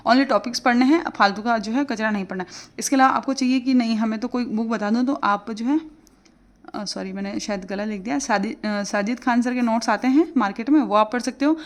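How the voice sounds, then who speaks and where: A woman's voice: on the high side, a little fast. A woman, giving casual exam-prep study advice as a tutor and chatting with plenty of fillers.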